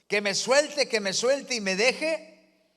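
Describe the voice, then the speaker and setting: A desperate man clinging to a branch over a drop cries out in high, frantic pleas, as a preacher acts him out. The shouts ring through a large hall with a long echo. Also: takes it slowly, full character voice. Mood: pleading.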